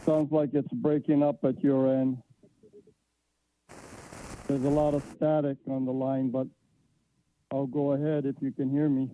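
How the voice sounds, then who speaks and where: A man phoning in to a public meeting over a crackly line that breaks up with static, speaking haltingly with many hesitations. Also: medium pitch, little pitch movement, dark tone. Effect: crackly phone line with static, breaking up. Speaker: caller giving public comment at a city council meeting. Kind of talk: public comment by phone. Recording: tinny dry phone line.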